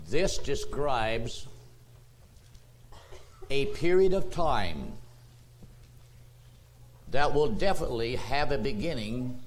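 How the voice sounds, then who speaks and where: Slow, deliberate preaching man. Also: medium pitch, a little hiss or hum, low-quality recording. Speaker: pastor. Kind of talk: sermon. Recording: church sermon tape.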